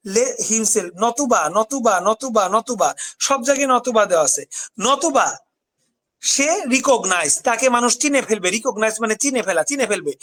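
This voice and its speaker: A man's voice: very high-pitched, a bit bright. A man from Bangladesh teaching English grammar in a live online class, repeating key points and asking questions back to his students. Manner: repetitive, drilling questions and answers.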